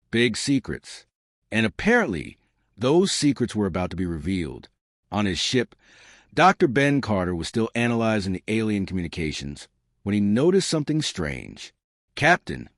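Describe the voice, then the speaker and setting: Low-voiced male sci-fi narrator. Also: no room sound, studio quality.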